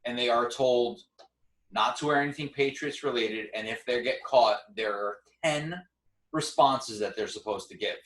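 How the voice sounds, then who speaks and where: A man co-hosting a casual sports debate, animated and often restarting his sentences as he argues. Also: medium pitch, normal speed, recorded from a distance. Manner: animated, stumbles and restarts when arguing. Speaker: co-host. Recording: echoey room, away from the mic.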